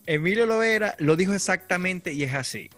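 A Venezuelan man hosting a casual chat with friends, slangy and joking, often breaking into loud laughter. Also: high voice, lively intonation, fairly quick, no room sound, soft background music. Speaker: podcast host. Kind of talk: casual banter among friends.

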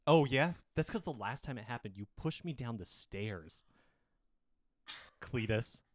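A man playing a petty, bragging male head of the family in an improvised comedy audio drama, spiteful and prone to loud outbursts. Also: medium pitch, lively intonation, a little slow, dry recording, natural voice. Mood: gloating.

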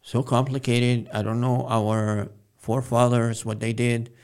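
A man from Jerusalem, a guest poet in a casual interview, talking in a halting, earnest way with many pauses. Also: mid-range voice, flat delivery, a little mellow, clean tone.

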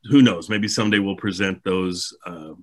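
A man hosting a podcast in casual, enthusiastic but halting conversational talk. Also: sits low. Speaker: podcast host.

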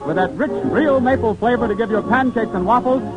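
A man's voice: very high voice, fairly quick, lo-fi sound, loud music behind the voice. An American man announcing a show in an emphatic, theatrical old-time radio announcer style, on a 1930s broadcast.

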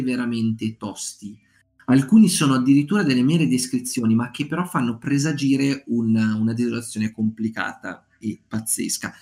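A slightly mellow, mid-range male voice carries this casual live-stream chat. The man, who leads a writing group, reads from books, recommends short stories, and talks with his audience, using many fillers and frequent restarts.

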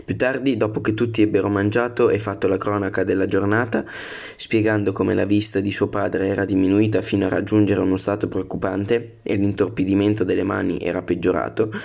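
A man with a low, gravelly voice reads a novel aloud, stopping now and then to correct a word he tripped over. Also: flat delivery, brisk, darkish tone. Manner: stumbles and corrects himself on words. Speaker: book reader.

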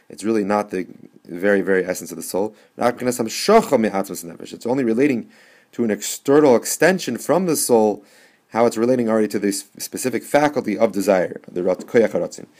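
Male rabbi, lower voice, teaching a text on his podcast, reads then explains, circles back over phrases. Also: normal speed, a little mellow. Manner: reads passages aloud then explains them, often repeating and restarting phrases.

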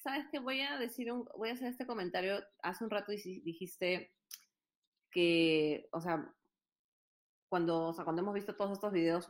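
Low-voiced Peruvian woman, hesitant. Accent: Peruvian Spanish. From Peru. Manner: hesitant, many fillers, earnest storytelling. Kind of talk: casual chat.

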